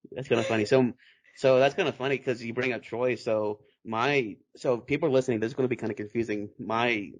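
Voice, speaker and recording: A man's voice: mid-range voice, moderate pace. Young texas guy hosting a podcast, chatty, laughs a bunch, ordinary mid voice. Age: 20s. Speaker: podcast host. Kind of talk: casual chat.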